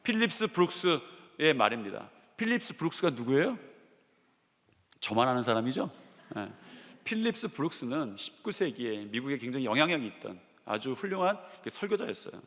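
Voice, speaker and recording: A man's voice: mid-range voice, brisk. A male senior pastor from Chungcheong preaching a sermon, telling stories and acting out the voices of the people he quotes. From Chungcheong, Korea. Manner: lively storytelling preacher, acts out quoted voices and jokes. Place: large church sanctuary. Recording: long church hall reverb.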